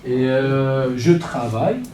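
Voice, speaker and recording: A man giving an informal French lesson, repeating phrases slowly and mixing in Persian. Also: mid-range voice. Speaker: French teacher. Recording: roomy, distant mic with faint noise.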